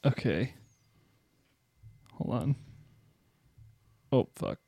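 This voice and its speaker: Slow-talking, excitable tabletop player, a man. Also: mid-range voice, gravelly, breathy edge, dry recording. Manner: excitable, swearing, unhurried. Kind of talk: playing a tabletop game.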